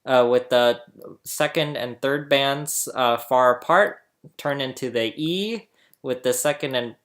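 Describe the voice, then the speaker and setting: Taking his time, a man with a mid-range, fairly bright voice walks through phonetics in a casual, laugh-filled tutorial. The recording comes from a laptop webcam mic indoors.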